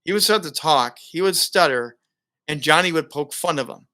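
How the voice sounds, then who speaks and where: In this casual interview, the guest is a middle-aged broadcaster and keynote speaker. He speaks at a moderate pace with a fairly high-pitched voice, spinning stories animatedly and breaking into frequent laughter.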